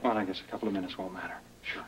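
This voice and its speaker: A man's voice: low-pitched, fairly even intonation, rapid-fire, fairly bright tone, slight background noise. An actor playing a firm, protective man who takes charge of a threat in a 1980s daytime soap. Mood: concerned. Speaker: worried father in a soap opera. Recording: voice from some distance.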